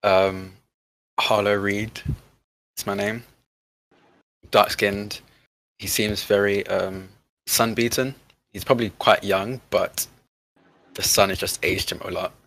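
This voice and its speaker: A man's voice: lowish voice, fairly even intonation, takes it slowly, pauses often, a bit bright, poor audio. A man casually improvising as a player in a tabletop role-playing game. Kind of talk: casual improvised character description.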